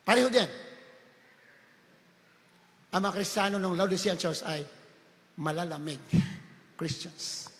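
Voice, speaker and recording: Male preacher, high bright voice, fervent shouting sermon, long hall reverb. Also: takes it slowly, long pauses. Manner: fervent, often shouting, mixing Tagalog with English.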